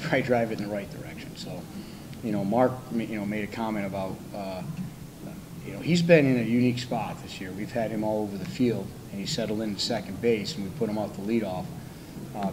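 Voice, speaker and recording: A man's voice: on the low side, background noise. An older man coaching college baseball, answering at a postgame press conference in a candid, rambling way with dry humor. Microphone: table microphone.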